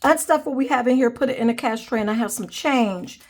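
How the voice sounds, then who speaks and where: Here's a young woman running a budgeting vlog, talking briskly in a slightly high voice while tallying cash aloud. She's friendly, calls viewers "guys," and sounds congested from a cold.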